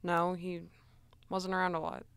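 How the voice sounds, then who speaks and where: Woman doing a shy young diner waitress, cartoon animatic, bright dry voice. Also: on the low side, completely flat delivery, moderate pace, clean tone, dry recording, lightly acted. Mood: subdued. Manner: timid, downbeat.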